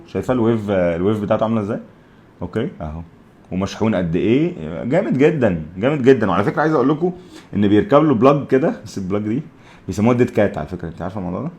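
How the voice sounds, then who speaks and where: A man's voice: low voice, mellow. A man with an Egyptian accent doing a casual, chatty gear review, repeating himself and talking to the people filming him. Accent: Egyptian Arabic. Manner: chatty, repeats himself, talks to the camera crew. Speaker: tech vlogger.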